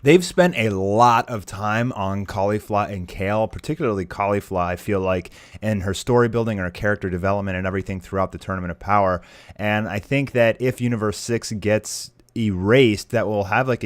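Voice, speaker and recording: A man whose voice sits on the low side speculates and comments conversationally for viewers as an online anime commentator. There's no echo, the audio is studio quality, and background music plays behind him.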